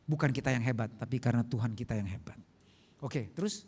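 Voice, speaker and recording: A man's voice: mid-range voice, fast, husky. A male pastor answering questions in a sermon, telling stories with jokes and acted-out voices. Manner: animated storyteller, acts out voices, jokes.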